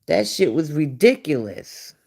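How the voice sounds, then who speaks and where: A woman's voice: sits low, very animated, measured pace, gravelly, a little mellow, husky. A woman hosting a livestream, giving casual gossip commentary in a blunt, profane way and talking back to her viewers. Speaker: livestream host.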